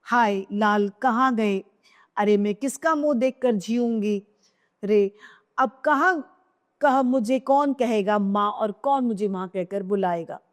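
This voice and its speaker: A woman's voice: medium pitch, slow, in a large hall, lightly acted. A woman voicing a grieving queen mother who laments over her dead son with repeated cries. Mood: grief-stricken. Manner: wailing lament, cries of hai.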